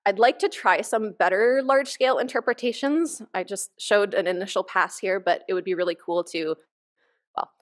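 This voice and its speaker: A woman's voice: mid-range voice, moderate pace. Enthusiastic woman giving a conference talk. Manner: enthusiastic, informal. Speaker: conference keynote speaker, researcher. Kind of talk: conference presentation. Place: conference hall stage, at a lectern.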